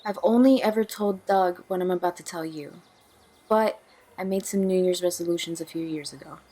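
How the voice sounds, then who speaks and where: A woman voices Nicole, an awkward, wary young woman who is guarded and troubled, speaking audio drama dialogue with naturalistic amateur acting. Her voice sits on the low side and is warm and natural, moving at a moderate pace. The delivery is hesitant and plain, with a guarded, confessional mood.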